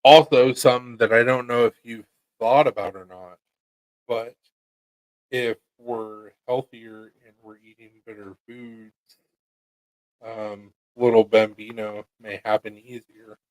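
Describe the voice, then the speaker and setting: A man's voice: mid-range voice, fairly even intonation, unhurried, no room sound, rough recording. An American man hosting a casual chat show, joking around in a crude, offhand way. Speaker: podcast host.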